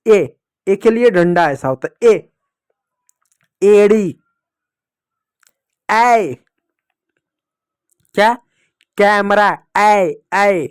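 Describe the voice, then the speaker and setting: Male teacher for small kids, high-pitched, slow repeated sounds, dry room. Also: clean tone, no echo. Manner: slow drawn-out syllables for children to repeat; addresses children fondly, repeating sounds. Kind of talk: children's Hindi lesson.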